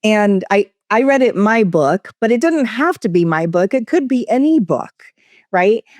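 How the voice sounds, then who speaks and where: A woman speaking as a guest expert in a conversational interview, shifting her tone, speed and pitch as she talks. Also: measured pace, dry recording. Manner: varied, expressive inflection. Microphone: studio microphone.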